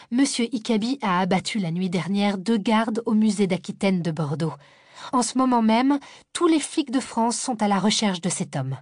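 A woman reading an audiobook voices a haughty young female doctoral student with a high, piercing voice and sharp, sarcastic retorts. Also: no room sound, studio quality.

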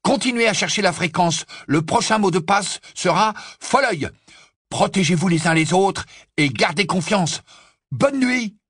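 Man voicing a young secret-radio host, upbeat announcer, lifted and a bit husky. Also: sits high, animated, measured pace, fairly bright tone, no echo, studio quality, voice pushed up, heavily acted. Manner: upbeat broadcaster tone. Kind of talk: audiobook character voice.

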